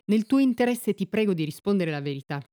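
A man's voice: high-pitched, animated, quick pace, dark tone, dry recording, clean studio sound, voice pushed up. A woman voicing an insistent male rural policeman who raises his voice as he questions people, in a read-aloud story. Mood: stern. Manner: raises voice, demanding.

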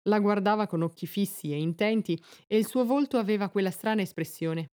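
A woman narrating a story aloud in a measured, expressive audiobook reading. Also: medium pitch, smooth.

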